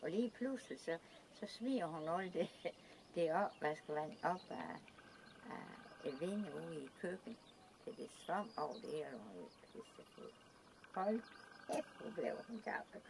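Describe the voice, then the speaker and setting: An older woman with a South Jutlandic Danish accent, telling stories from her youth in a hesitant, halting way with many restarts. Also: lowish voice, lively intonation, gravelly, a little mellow, a little hiss or hum. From Southern Jutland, Denmark. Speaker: interviewee recalling her youth. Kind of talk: casual oral-history storytelling.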